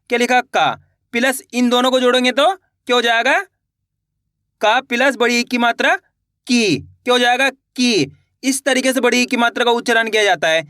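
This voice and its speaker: A male teacher with a very high voice that sounds bright and crisp leads a beginners' lesson. He asks each question and answers it himself, drawing words out slowly. The recording is dry and close, with no room sound. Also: no room sound. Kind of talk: spoken Hindi writing lesson.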